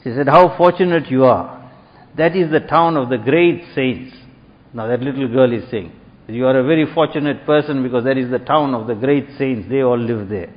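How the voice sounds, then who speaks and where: A man's voice: mid-range voice, normal speed. A man preaching a sermon, retelling a story and acting out its dialogue with rising emphasis. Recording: dull lo-fi recording with long hall reverb.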